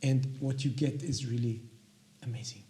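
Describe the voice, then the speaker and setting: A man from Austria with an Austrian accent and a gravelly voice, casually presenting products to viewers as a video host in halting, hesitant phrases. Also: medium pitch, steady tone, warm tone, a little hiss or hum. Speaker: watch review video host.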